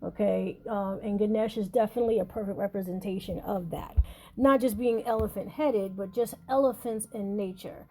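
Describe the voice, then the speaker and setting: A woman with a warm, mellow voice talks casually about spiritual practice. She rambles, restarting sentences and leaning on fillers as she goes. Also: mid-range voice, steady tone, moderate pace, a little hiss or hum. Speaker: spiritual shop owner teaching about deities.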